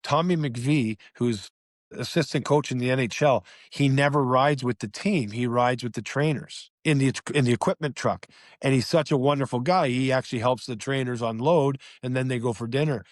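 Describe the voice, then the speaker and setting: A man's voice: medium pitch, normal speed, no echo, studio quality. A middle-aged man, a former hockey player, telling a casual podcast story and swearing freely. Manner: animated, swearing.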